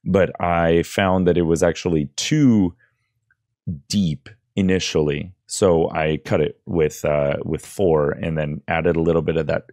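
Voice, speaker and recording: Sitting at his computer desk indoors, a man in his thirties gives a casual, screen-recorded audio tutorial, explaining things loosely and informally. He wears headphones and speaks close to a boom-arm mic in a low, slightly slow, somewhat mellow voice with fairly even intonation, and the recording is dry.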